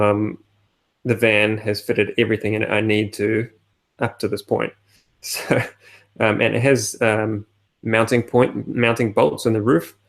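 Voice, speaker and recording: A man's voice: on the low side, creaky. A man co-hosting a casual podcast, talking in a hesitant, matter-of-fact way with many fillers. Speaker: podcast co-host. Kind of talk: casual chat.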